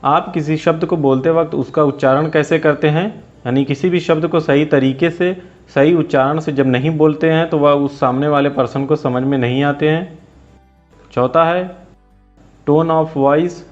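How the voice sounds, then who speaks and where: A man giving a scripted explainer lesson in a steady, even lecture delivery. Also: a little high, moderate pace. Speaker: teacher. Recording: dull lo-fi voice-over with faint music.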